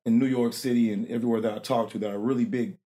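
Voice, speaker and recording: A man's voice: medium pitch, steady tone, very fast, mellow. A man being interviewed in a casual, rambling conversation, laughing often and restarting his sentences. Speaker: interview guest, rapper and producer.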